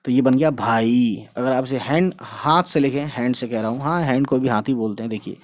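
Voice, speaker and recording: A man's voice: medium pitch, brisk. Male teacher, casual lesson, spells out each word, repeats it several times, mixes in English words. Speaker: Urdu teacher.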